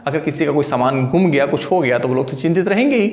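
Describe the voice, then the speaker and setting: A man's voice: on the high side, lively intonation, fast, darkish tone, echoey room. A man teaching an English grammar lesson in a chatty, coaxing way, speaking to his students as kids. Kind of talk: video lesson.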